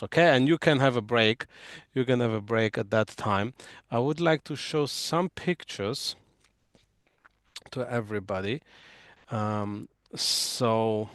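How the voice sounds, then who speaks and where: A man's voice: on the low side, a bit bright, no room sound, clean studio sound. A man hosting a live interview, talking things through with many fillers and false starts. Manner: hesitant, filler-heavy, thinking aloud. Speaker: interviewer and host.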